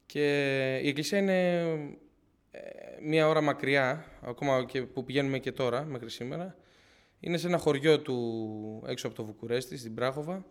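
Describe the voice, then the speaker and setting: A man's voice: mid-range voice, clean tone. A young man earnestly giving a personal faith testimony to his congregation, often restarting and repeating himself as he retells what happened. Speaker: church member giving testimony.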